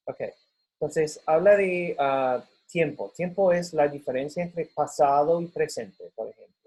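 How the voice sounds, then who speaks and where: Male instructor, husky, mellow tone, unhurried recorded lecture. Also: mid-range voice, rough recording. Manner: slow, explanatory, switching between English and Spanish, frequent fillers. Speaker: university instructor.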